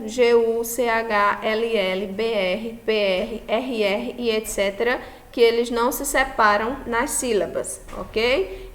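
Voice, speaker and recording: Slow-speaking Brazilian woman teaching Spanish. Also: a little high. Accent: Brazilian Portuguese. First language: Portuguese. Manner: slow, explanatory, checks in with "tá certo?". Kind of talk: recorded class lesson.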